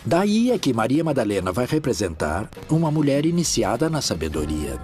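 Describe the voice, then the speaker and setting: A man's voice: medium pitch, big pitch swings, normal speed, a little mellow. A man with a Brazilian Portuguese accent voicing a documentary expert in an academic, explanatory way. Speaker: expert interviewee, dubbed. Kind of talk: documentary voice-over dub. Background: faint music.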